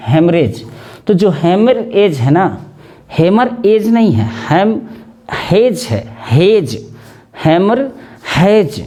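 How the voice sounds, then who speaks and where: A man with a Hindi accent teaching English spelling, slowly repeating each word and spelling it out letter by letter. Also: high-pitched, dark tone. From India. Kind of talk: spelling lesson, explaining word by word.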